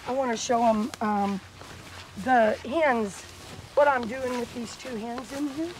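A woman, chatting casually on her farm and cooing at her birds. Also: unhurried. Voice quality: hoarse. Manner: chatty, coos high at animals. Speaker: farm vlogger. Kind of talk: casual farm vlog narration. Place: outdoor farmyard. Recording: noisy outdoor farm, chickens clucking. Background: chickens and rooster.

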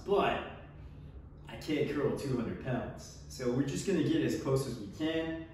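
A male fitness vlogger in his twenties, medium-pitched, reviews equipment casually in his home garage gym, joking offhandedly and trailing off with small laughs. The camera sits across the room, so his voice is off-mic in an echoey garage with slight background noise.

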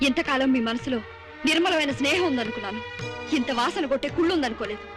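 High quick voice, firm and reproachful, principled young woman, film music behind. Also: animated. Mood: stern. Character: principled young woman rejecting a suitor, stern. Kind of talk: Telugu film drama.

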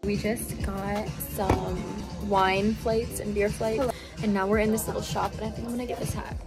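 Over music, a twenty-something woman chats cheerfully through a casual vlog at a moderate pace, her pitch medium and her speech peppered with "like" and "so cute." Steady background noise runs under this handheld phone clip.

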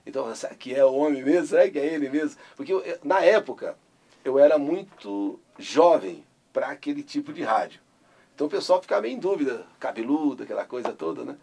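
A man's voice: mid-range voice, animated, a little fast, creaky, warm tone, breathy edge. An older man from Brazil, a radio host telling his story in an interview and bursting into his catchphrase. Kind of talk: interview recollection.

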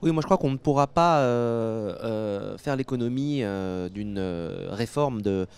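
An academic geographer in his thirties with a French accent takes interview questions as a guest expert at an indoor convention, speaking into a handheld microphone. His voice is on the low side, a little mellow and smooth, with lively intonation. He reasons carefully but hesitantly, pausing frequently and repeating words.

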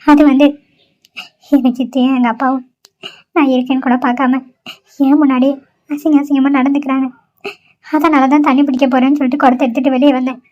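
A sad, despairing young woman in a homemade cartoon, voiced by a woman. Her voice is high and she speaks sorrowfully. The recording sounds dull and lo-fi. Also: level tone, a little fast, pauses often, natural voice. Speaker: cartoon character.

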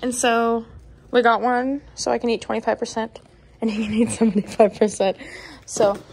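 In her living room and kitchen, a twenty-something American vlogger talks casually to a phone or camera held at arm's length. Her voice is on the high side, a little mellow, level in tone and moderately paced, and the handheld camera picks up noticeable room noise.

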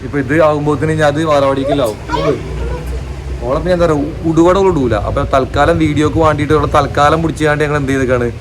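A man's voice: a little high, fairly even intonation, quick pace. A young man, chatting casually to camera for a family vlog and teasing his daughter with questions. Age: young adult. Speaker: vlogger father. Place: outdoors by a roadside. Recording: noisy outdoor ambience.

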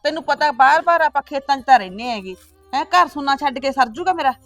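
A middle-aged woman playing a patient older sister and farm-living mother who keeps calming her sibling down. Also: high voice, fast, soft background music. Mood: placating. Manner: soothing, placating, often asks back "huh?". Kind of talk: village family drama acting.

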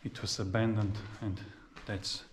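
Thirties male travel vlogger, non-native English, slow unhurried explainer, handheld camera, faint background noise. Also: fairly low pitch. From former Yugoslavia. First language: Serbo-Croatian. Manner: explains calmly while exploring, slightly non-native phrasing. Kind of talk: casual walking tour commentary. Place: outdoors in a park, then inside an empty abandoned mansion. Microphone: action camera held at arm's length.

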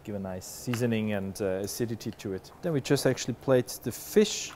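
Brisk and fairly low-voiced, a head chef in his forties talks through the dish he's cooking in a large restaurant kitchen. He sounds relaxed and instructive, dropping "uh" often. Recorded on a lapel mic, with a light hum behind him.

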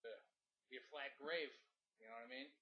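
A man's voice: mid-range voice, brisk, bright, forceful tone, lightly acted, poor audio. An actor with a Boston accent playing a goofy, dim-witted South Boston guy in an improvised comedy skit, rambling and laughing easily.

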